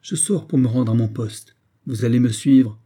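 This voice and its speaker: A man's voice: mid-range voice, normal speed, mellow, natural voice. A man voicing a proud young Saxon officer who speaks in a commanding, indignant way. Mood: stern.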